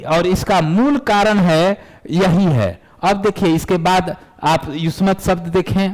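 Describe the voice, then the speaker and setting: Man chanting Sanskrit forms in a lecture. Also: fairly high pitch. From Bihar, India. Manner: recites word forms in slow chanted lists; addresses students directly, scolding and urging. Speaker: Sanskrit teacher. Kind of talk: classroom lecture.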